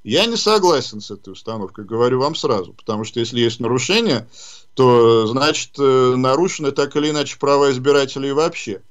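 A man hosting a call-in radio show, explaining things in a measured way with some hesitations. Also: medium pitch, highs cut off. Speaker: radio host. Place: radio studio.

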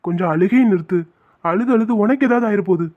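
A performer voicing a steady, kind young man who is a police officer in a cartoon. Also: mid-range voice, fast talker, natural voice. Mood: calm. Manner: reassuring, calm. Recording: tinny phone-like sound.

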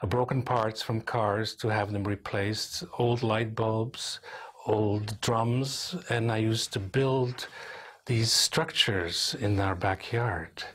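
An older Belgian man in his 70s, an engineer and company president, speaks in a deep, fairly bright voice with fairly even intonation. Seated at a desk in a small indoor office, he gives a reflective oral history interview, telling stories unhurriedly and thoughtfully with small restarts.

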